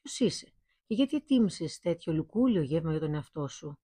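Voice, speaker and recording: A woman's voice: low voice, animated, dark tone, husky, dry recording. A woman voicing a curious, amused caliph posing as a merchant. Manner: polite, amused.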